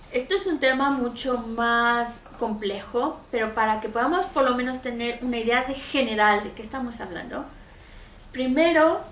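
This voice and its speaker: A woman's voice: a little high, a bit bright. A woman, interpreting and patiently explaining a teacher's points in a lesson, often checking in with listeners. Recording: echoey room, mic far off, faint noise.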